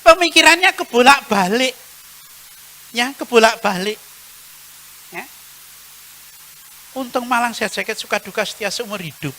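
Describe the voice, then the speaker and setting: Bright-voiced priest preaching. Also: male voice, extremely high pitch, moderate pace, pauses often, poor audio. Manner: repetitive rhetorical lists, folksy humor. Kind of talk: sermon.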